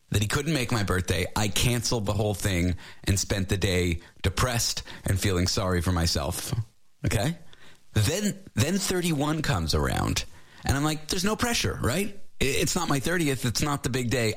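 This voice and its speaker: This is a man in his forties with a slightly low voice who speaks openly and reflectively. He chats in an easy, casual way and weighs his thoughts as he talks. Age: 40s. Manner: candid, reflective and chatty. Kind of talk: casual chat.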